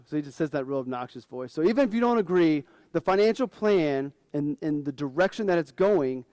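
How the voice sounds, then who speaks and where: A man's voice: a little high, mellow, dry recording. A man in his forties, a financial advisor, giving a casual, frank conference talk to fellow advisors.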